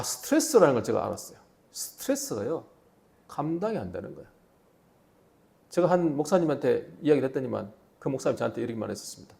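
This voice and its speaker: Middle-aged male pastor, sermon delivery, lively rising-and-falling pitch, gravelly edge. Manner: animated storytelling, rhetorical questions. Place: church sanctuary.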